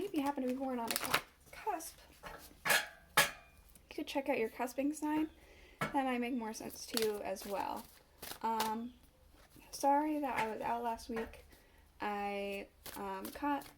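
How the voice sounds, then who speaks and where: Congested woman tarot reader, slightly high voice, halting delivery, audible background noise. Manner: halting, with pauses and apologies. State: congested, recovering from a cough. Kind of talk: casual tarot reading.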